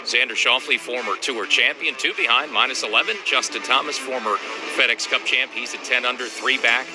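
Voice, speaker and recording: A man's voice: medium pitch, fairly even intonation, fairly quick, music in the background. A man hosting a golf radio broadcast as lead commentator, with polished announcer delivery. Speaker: radio sports anchor.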